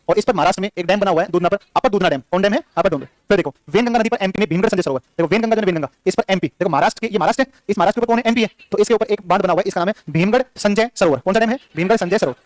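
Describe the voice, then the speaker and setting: A quick, high-pitched man lecturing a room of students, drilling them with rapid questions and repeated answers. His voice sits close and dry, with almost no room sound. He teases and scolds the class in a joking way. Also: no echo. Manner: jokey, scolds the class playfully. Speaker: geography teacher.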